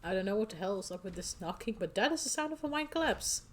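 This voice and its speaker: A woman streaming a story game, reacting excitedly and reading the text aloud. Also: medium pitch, fast talker.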